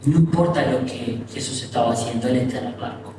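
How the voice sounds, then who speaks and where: A man pastor preaching a sermon, telling the story with dramatic pauses and questions to the audience. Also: medium pitch, noisy background. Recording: echoey hall from far off.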